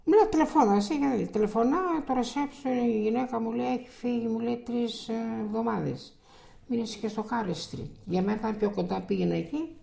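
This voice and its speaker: Older woman interviewee, gravelly dark voice, rambling oral-history storyteller. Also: fairly high pitch. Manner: rambling, halting storytelling with restarts and quoted dialogue.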